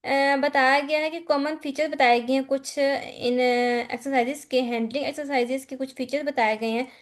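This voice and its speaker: High-pitched Pakistani woman tutoring. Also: steady tone, moderate pace. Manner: mixes Hindi-Urdu with English terms, reads slide points then explains them; frequent "theek hai" check-ins. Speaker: online course tutor. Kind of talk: exam-focused lecture.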